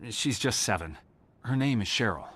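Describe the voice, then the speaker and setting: A man's voice: on the low side, animated, moderate pace, bright, forceful tone, husky, exaggerated voice. An actor in his thirties playing an anxious, earnest father, speaking in a hesitant, worried way in a video game. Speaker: father searching for his daughter.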